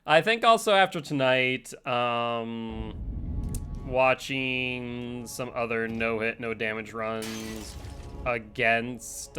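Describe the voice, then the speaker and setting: A young man talks casually while streaming a game, chatty and quick to joke at his own expense. His voice sits at a medium pitch. Game music plays clearly behind him. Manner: chatty, self-deprecating, animated. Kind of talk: casual gameplay commentary.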